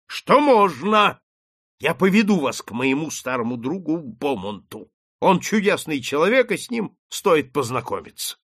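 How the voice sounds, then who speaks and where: A man doing eccentric gentleman, measured, ironic, gravelly. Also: on the high side, voice pushed up, heavily acted. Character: calm, eccentric retired man, mildly ironic.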